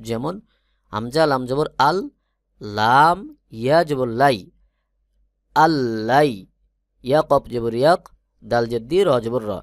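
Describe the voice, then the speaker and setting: A man teaching Quran reading, spelling each syllable slowly and then chanting it in a drawn-out melody. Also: medium pitch, dry recording, studio quality. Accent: Bangladeshi Bengali. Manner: explains rules in quick, soft speech. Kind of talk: Quran recitation lesson, spelling letters aloud.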